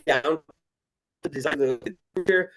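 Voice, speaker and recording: A man's voice: fairly high pitch, moderate pace, noisy background. A man co-hosting a casual podcast over a remote call, his audio choppy and breaking up as he builds a long, eager comparison. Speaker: podcast co-host.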